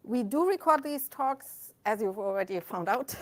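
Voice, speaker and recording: A woman's voice: on the high side, lively intonation, normal speed. A woman hosting a meetup, speaking informally in front of an audience as she welcomes people and makes announcements. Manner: addressing an audience in a room. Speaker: meetup organizer and host. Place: meetup room with live audience and online stream.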